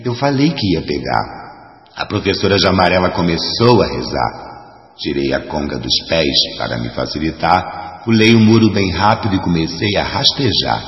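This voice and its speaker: A man recites a rhymed story in a very low voice that rises and falls dramatically. His voice sounds dull and lo-fi, and it hangs in an echoey space with long reverb. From Rio de Janeiro, Brazil.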